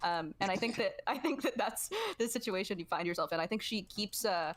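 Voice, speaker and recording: A woman in a casual online debate who talks quickly, restarts her sentences and teases the others. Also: medium pitch. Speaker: stream guest.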